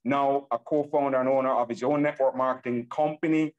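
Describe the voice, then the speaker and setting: On a laptop video call, a Nigerian man hosts an online business webinar and gives a hype-driven sales pitch, repeatedly calling out "ladies and gentlemen." His medium-pitched voice stays steady and brisk, though the recording is muffled. He's enthusiastic and tends to repeat himself.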